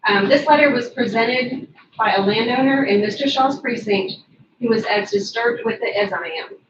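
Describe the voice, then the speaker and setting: A woman's voice: fairly high pitch, moderate pace. A woman speaking as a public commenter at a county court, reading a prepared statement in a formal, firm manner. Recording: echoey, distant, dull and noisy.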